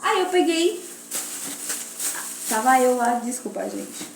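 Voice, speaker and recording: High-voiced chatty Brazilian woman, echoey kitchen. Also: sing-song, slow, vocal fry, a little hiss or hum. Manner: chatty and rambling, addresses viewers as "gente" and "menina". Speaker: vlogger. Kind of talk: casual storytelling while washing dishes. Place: home kitchen while washing dishes. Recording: echoey kitchen, clattering dishes and sizzling. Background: dishes clinking and frying.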